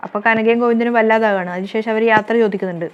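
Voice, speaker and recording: Fast-talking woman recapping a serial. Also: a little high, steady tone, clear, resonant tone, lo-fi sound. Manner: rapid storytelling with frequent self-corrections. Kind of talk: retelling a TV serial episode.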